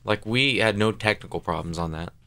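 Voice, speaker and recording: A man's voice: lowish voice, brisk, pushed and bright. A young man, a band member guest on a radio interview, talking casually and rambling with lots of filler words.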